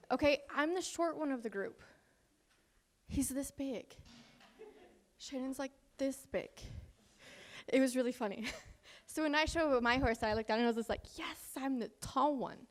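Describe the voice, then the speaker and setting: A woman giving a chatty, joking wedding toast as maid of honor, laughing between lines. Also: on the high side. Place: wedding venue.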